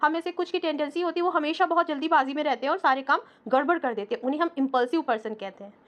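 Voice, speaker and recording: A woman teaching an English grammar lesson, patiently explaining step by step and reading out slow English example sentences. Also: high-pitched.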